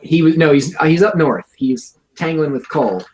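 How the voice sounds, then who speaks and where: A man runs a tabletop game as game master, talking over a home video call. His voice sits a bit high and swoops about with plenty of life. He narrates monsters with wry humor between quick rules calls. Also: expressive, darkish tone, poor audio. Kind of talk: running a tabletop game online. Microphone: home computer mic on an online video call.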